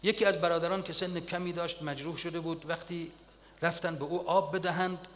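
A man's voice: fairly high pitch, steady tone, fairly bright tone. A man telling wartime stories in an earnest sermon style, his voice swelling with emotion, recorded in a reverberant hall.

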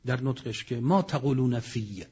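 A man's voice: medium pitch, warm tone, breathy edge, muffled recording. A man giving a religious lecture, telling history with dramatic storytelling and sudden raised outbursts. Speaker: preacher.

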